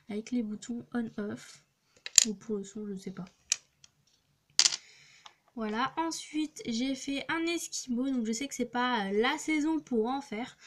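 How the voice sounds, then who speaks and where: Hesitant young girl showing her crafts. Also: a little high. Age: young teen. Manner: hesitant, many fillers and restarts. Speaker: craft vlogger. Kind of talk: casual show-and-tell narration. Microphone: phone.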